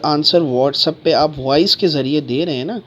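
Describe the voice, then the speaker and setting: A man giving an online Qur'an reading lesson who keeps checking in with his listeners and draws out letter sounds slowly. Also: a little high.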